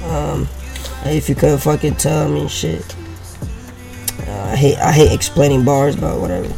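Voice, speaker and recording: A man's voice: a little high, measured pace, vocal fry, music in the background. A young man from Brazil talking like a frat bro in slangy, sweary, casual podcast chat. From Brazil, South America. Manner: frat-bro talk, heavy swearing, "bro" and "you know" tags. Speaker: podcast host.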